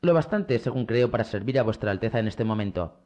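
A man's voice: on the low side, lively intonation, fast talker, darkish tone, lightly acted. A man voicing an earnest, polite young nobleman who speaks courteously and deferentially.

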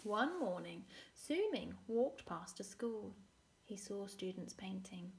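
A woman teacher reading a storybook aloud to children, expressive, often dropping to a whisper and asking questions. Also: mid-range voice, slow pace, a little hiss or hum.

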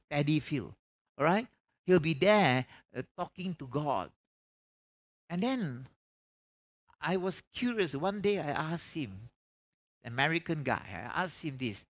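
A man's voice: fairly high pitch, fairly bright tone. A middle-aged man preaches a conversational revival sermon, emphatically, with repeated phrases and rhetorical questions. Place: church stage, indoors.

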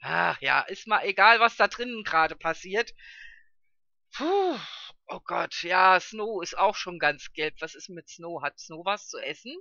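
Bright, lively German let's player woman. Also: fairly low pitch, a little slow, creaky, no echo, dull audio. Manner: chatty, talks to viewers, frequent laughs. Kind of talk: casual gameplay commentary.

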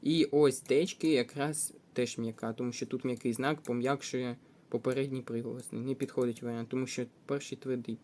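A man's voice: mid-range voice, darkish tone. Methodical Ukrainian male teacher. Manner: methodical, thinking aloud with hesitations. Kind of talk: test walkthrough lesson.

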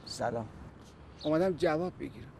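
An actor in a television comedy drama, playing a pushy young suitor who talks in a brash, stubborn way. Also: male voice, a little high, lively intonation, creaky, background noise. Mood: defiant.

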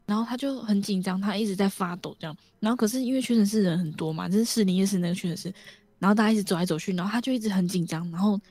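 A woman chatting casually, ending her sentences with soft trailing fillers. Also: mid-range voice, racing, dry recording. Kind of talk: casual group chat.

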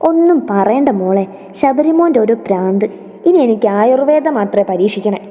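A woman voicing a weary elderly mother who grumbles briskly about her aches. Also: a little high, lively intonation, mellow, big-room sound, natural voice. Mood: grumbling.

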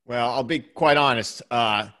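A man's voice: medium pitch, unhurried, sharp tone. A man co-hosting a podcast from his home basement studio, chatting casually and rambling with restarts and chuckles. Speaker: podcast co-host. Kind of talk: casual chat.

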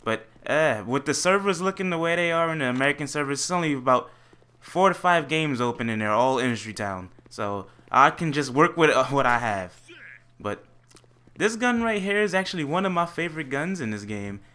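A man's voice: a little high, animated, brisk, sharp tone, smooth. A young man giving casual, joking commentary over a video game review, talking into a desktop mic. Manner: chatty, joking, easygoing. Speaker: gaming commentator. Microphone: USB desktop mic.

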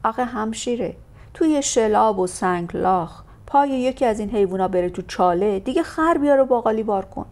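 A woman voicing a rough, grumbling old male coachman in a storybook reading. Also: fairly high pitch, animated, a little mellow, voice pushed up, lightly acted. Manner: complaining, pleading.

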